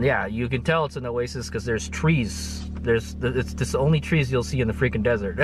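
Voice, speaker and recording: Poor audio captures this medium-pitched man in his thirties, a motovlogger filming himself from inside a vehicle. He rambles casually through a trip recap, chuckling often and tacking "okay" onto his phrases.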